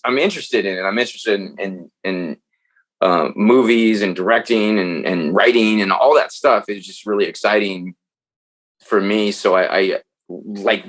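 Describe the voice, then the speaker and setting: A man talking as a podcast guest, telling stories in a loose, animated way and swearing freely. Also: lowish voice. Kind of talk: casual chat.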